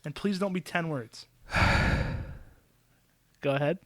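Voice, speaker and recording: Bright-voiced man joking around. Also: fairly high pitch. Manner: sarcastic, quick to joke. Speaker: podcast co-host. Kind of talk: casual brainstorming chat.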